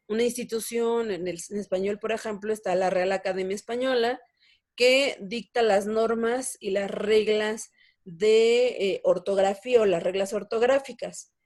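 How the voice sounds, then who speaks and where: A woman's voice: fairly high pitch, darkish tone. A young woman teaching a language lesson, explaining step by step and checking in with her students. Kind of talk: online lesson.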